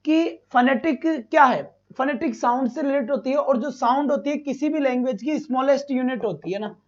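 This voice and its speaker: A man's voice: very high voice, a little fast, muffled recording. A man teaching a live online exam-prep lesson, asking his students questions, repeating each one and fondly calling them "beta".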